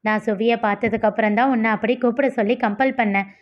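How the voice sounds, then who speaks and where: A woman's voice: fairly high pitch, steady tone, quick pace, dull audio, close to an everyday voice. A woman voicing a young man who is guilty and apologetic, speaking hesitantly and coaxingly.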